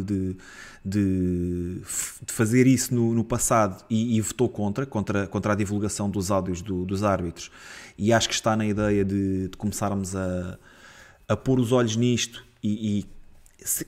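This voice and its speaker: A man with a European Portuguese accent co-hosting a football podcast, talking in a casual, animated way that turns heated and exasperated, with frequent restarts. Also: mid-range voice. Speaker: co-host of a football club podcast. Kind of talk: casual football analysis chat.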